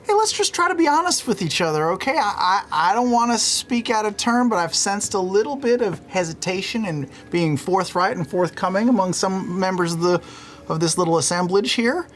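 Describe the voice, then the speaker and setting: Woman playing an animated, folksy old prospector. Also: mid-range voice, fairly quick, slight background noise, close to an everyday voice. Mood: earnest, folksy. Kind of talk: improvised tabletop role-play.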